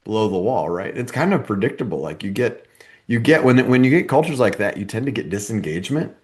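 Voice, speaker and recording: Male podcast co-host, low voice, casual explainer who acts out anecdotes. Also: animated, a little fast. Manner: storytelling, lots of "right?" and "kinda", acts out coworkers.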